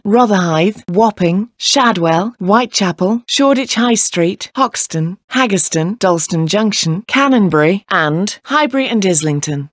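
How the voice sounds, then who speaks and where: Slow, measured English female station announcer. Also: mid-range voice, no room sound, clean studio sound. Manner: formal, measured, pieced-together delivery of listed phrases. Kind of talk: scripted train station announcements.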